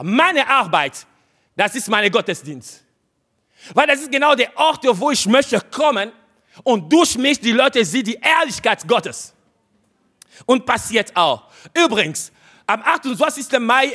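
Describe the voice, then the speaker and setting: A man's voice: very high voice, bright, forceful tone. A man preaching a sermon, speaking straight to his listeners and hammering home short, repeated exhortations. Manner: addresses listeners directly.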